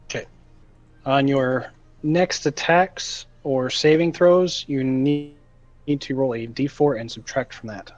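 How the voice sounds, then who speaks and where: A man narrating as game master of a tabletop game, slow and halting with fillers. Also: mid-range voice, fairly even intonation. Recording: dull lo-fi sound.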